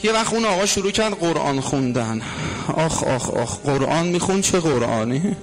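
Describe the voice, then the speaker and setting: A man preaching a sermon as a dramatic story, at times dropping to a hush or half singing. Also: a little high, lively intonation. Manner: dramatic storyteller, drops to hushed tones and half-sung lines. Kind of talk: emotional religious storytelling sermon.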